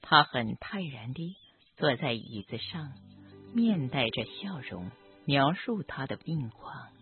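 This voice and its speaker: Gentle doc telling a story, slow and reflective, pitch moves around a lot, sounds like it's over a phone. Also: sing-song. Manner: gentle, measured, moved by the story. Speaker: doctor treating cancer patients. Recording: tinny phone-like audio with faint background music.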